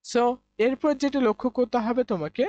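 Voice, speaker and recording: A teacher from Bangladesh walks students through exam grammar, asking a question and then answering it, circling back over the same point. The voice sits at a middle pitch and comes through a dull, dry close-mic recording. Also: expressive, brisk, a little mellow, no room sound. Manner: repetitive, asks and answers own questions. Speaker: English teacher. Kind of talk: exam-prep lesson in Bengali.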